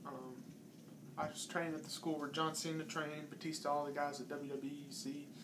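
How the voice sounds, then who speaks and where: A man's voice: fairly high pitch, level tone, normal speed. A man in his twenties chatting casually beside his girlfriend for her vlog, laid-back and chiming in with short remarks. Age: 20s. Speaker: boyfriend. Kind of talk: casual chat. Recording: noisy home video.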